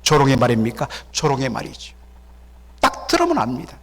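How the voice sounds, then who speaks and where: A Korean pastor with a medium-pitched, brisk voice preaches a sermon in a church sanctuary. He tells stories in an animated way, acting out the voices of the people in them, and the recording carries a long hall reverb.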